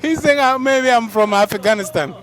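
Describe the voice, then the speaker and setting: A man's voice: very high-pitched, moderate pace, fairly bright tone, poor audio. A man vlogging his travels outdoors at a busy city market, chatting and laughing with the people he meets. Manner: chatty, laughs often, talks to passers-by. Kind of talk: casual travel vlog narration. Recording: outdoor street noise.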